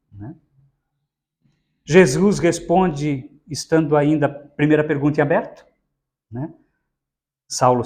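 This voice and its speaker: A man giving a didactic spiritist Bible lecture. He speaks in a slightly higher-than-average male voice and keeps checking in with "né?". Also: a little mellow. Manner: explanatory, frequent tag "né?".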